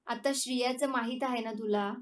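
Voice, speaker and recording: Caring middle-aged mother, as a woman reads her, fairly high voice. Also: fairly even intonation, moderate pace, lightly acted. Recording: distant from the mic.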